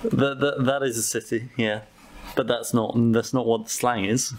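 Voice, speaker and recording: A man's voice: medium pitch, steady tone, unhurried. A man, co-hosting a travel podcast and quizzing his friend on slang with dry, teasing humor. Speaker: podcast co-host. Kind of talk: casual chat, quizzing on slang.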